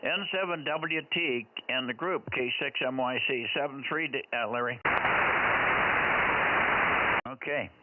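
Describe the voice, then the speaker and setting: An American man works as the controller of an amateur radio net, talking casually but in radio procedure, often repeating call signs and short phrases. His voice comes through a very thin, phone-like radio channel. Loud static and noise cover the whole transmission. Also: mid-range voice, a little slow, pauses often. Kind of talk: casual ham radio net check-in chat. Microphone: two-way radio. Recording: tinny narrowband radio, heavy static noise, clicks.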